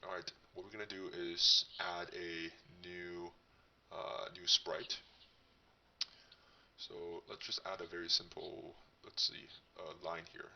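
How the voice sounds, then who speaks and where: Male tutorial host, disguised deep voice via voice changer, very sharp and bright tone, casual delivery, a little off-mic. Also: little pitch movement, takes it slowly, vocal fry, recorded from a distance, lo-fi sound. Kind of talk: casual coding tutorial narration.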